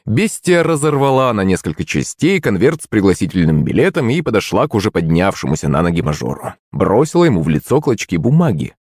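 A man reading a novel aloud as narrator with expressive storytelling. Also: lowish voice, fairly quick, few pauses, slightly rough, no room sound, clean studio sound. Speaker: audiobook narrator. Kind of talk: scripted narration.

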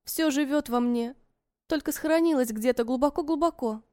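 A woman narrating a story in the first person, in a soft, measured and wistful way. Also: high voice, no echo, studio quality.

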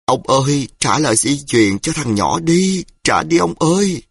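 A man's voice: a little high, expressive, a little slow, no echo, clean studio sound, voice pushed up. A man voicing a distraught middle-aged wife who wails and moans. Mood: wailing. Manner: wailing, moaning.

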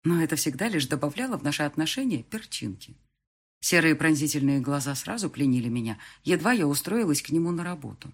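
Expressive woman reading an audiobook. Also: deep voice, fairly quick, husky. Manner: expressive, animated. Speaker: audiobook narrator. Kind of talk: first-person audiobook narration.

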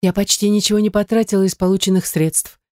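An audiobook reader voicing a distressed young ex-wife who pleads in a raised, defensive voice. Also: female voice, mid-range voice, little pitch movement, fast, a little mellow, no room sound, clean studio sound, voice pushed up, lightly acted. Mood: muttering. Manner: pleading, rising voice. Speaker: audiobook character. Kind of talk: audiobook reading.

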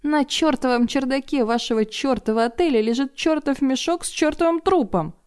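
A woman voicing an indignant, sharp-tongued middle-aged woman who talks loudly and sarcastically. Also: high voice, moderate pace, clear, resonant tone, voice pushed up, close to an everyday voice. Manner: loud, exasperated and sarcastic.

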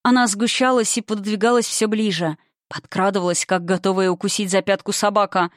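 A woman's voice: medium pitch, fairly even intonation, a little fast, no room sound, studio quality. A woman reading a first-person story as an audiobook narrator, with suspense.

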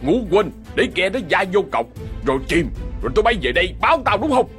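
A man's voice: on the high side, huge pitch swings, fairly quick, a bit bright, faint music behind, pitched above the performer's own voice. A man voicing a cruel, sick, short-tempered landowner who barks threats in a ghost story. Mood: furious. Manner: harsh, barking, scornful.

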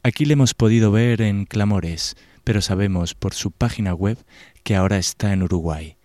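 Low voiced radio guy reading an intro, dry close sound. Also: normal speed, darkish tone, no echo. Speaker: radio presenter.

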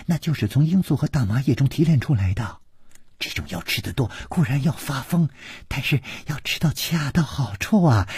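A man voicing a sly, mocking young woman, slipping into breathy sneers. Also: a little high, darkish tone, dry recording, clean studio sound, voice pushed up, full character voice.

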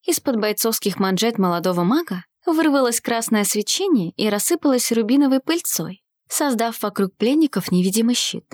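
A woman reading a fantasy audiobook with steady, expressive narration. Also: medium pitch, no echo, studio quality.

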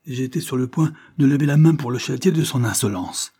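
A man voicing a gruff, nosy older male judge who bursts into loud fury. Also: mid-range voice, brisk, pitched above the performer's own voice. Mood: furious. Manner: bluster rising to fury.

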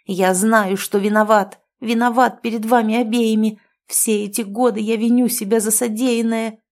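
Brief: a woman doing a raging, violent husband from an audiobook, shouting, in a dark reading voice. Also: medium pitch, fairly even intonation, measured pace, lightly acted. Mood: pleading. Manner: shouting angrily.

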